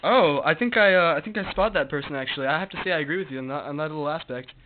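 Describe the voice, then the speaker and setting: A man's voice: fairly high pitch, very fast. A man joking around and teasing friends in casual chat, often giggling and putting on a mock-formal tone. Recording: tinny lo-fi home video, faint hiss.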